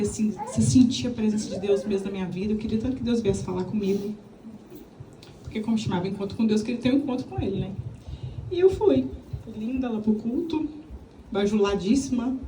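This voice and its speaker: A woman from Minas Gerais, Brazil, with a Minas Gerais accent, telling her personal testimony to a live audience in an animated, chatty way and acting out the dialogue. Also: mid-range voice, echoey room, distant mic, slight background noise, poor audio. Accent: Minas Gerais Brazilian Portuguese. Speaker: speaker giving a church testimony.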